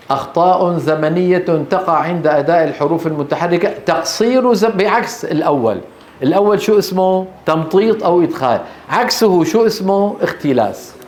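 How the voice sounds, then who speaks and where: A man teaching Quran recitation to a class. He keeps asking his listeners questions, answers them himself, and slowly draws out the verses he recites as examples. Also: a little high, a little mellow. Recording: echoey room.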